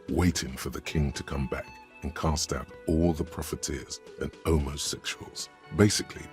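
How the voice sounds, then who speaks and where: An actor voicing the grave, sardonic male narrator of a detective video game, slow and descriptive. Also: rumbling low, darkish tone.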